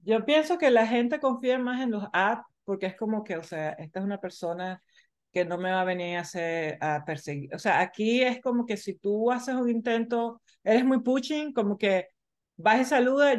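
A woman in her forties hosting a casual chat, talking in an animated, emphatic way. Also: mid-range voice, moderate pace.

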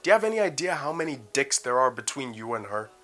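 A Canadian man joins as a podcast guest, talking in an animated, easy way. His voice has a bright, forceful edge and a medium pitch. He swears freely in casual chat. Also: fast talker, soft background music. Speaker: podcast guest, MMA fighter.

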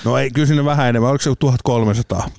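Tell it as a man hosting a casual talk show, animated and full of impressions, with a slightly sore throat. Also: medium pitch, vocal fry. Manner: animated, mimics voices and echoes in his stories. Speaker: podcast host. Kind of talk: casual chat, storytelling. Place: studio.

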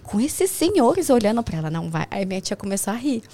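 A woman's voice: a little high, sing-song, brisk, dark tone. A woman guest on a podcast, telling a family story in casual chat and acting out the voices of her relatives. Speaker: guest traveler. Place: podcast studio.

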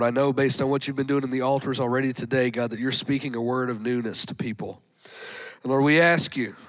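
Speaking from a church sanctuary, a pastor with a fairly high, slightly bright voice delivers a sermon to his congregation. A cold leaves him nasal and congested, and he sprinkles in plenty of amens and folksy asides. The audio quality is poor.

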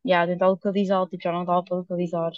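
A young woman with a European Portuguese accent telling a story in casual chat, rushing through it with lots of fillers and slang. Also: on the low side, monotone, darkish tone, no room sound, dull audio. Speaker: podcast co-host.

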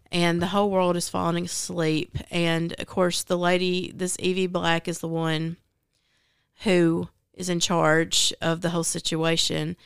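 A woman's voice: lowish voice, clean tone, no room sound, clean studio sound. A woman with a Southern US accent hosting a casual book chat, retelling a story in a rambling way with many fillers. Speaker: podcast host.

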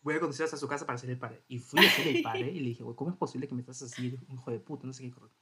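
A man chats casually on a podcast. His voice is bright and forward, set at a middling pitch. He tells stories with animation and swears without a second thought. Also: racing, breathy edge. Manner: animated storyteller, swears freely. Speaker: podcast co-host.

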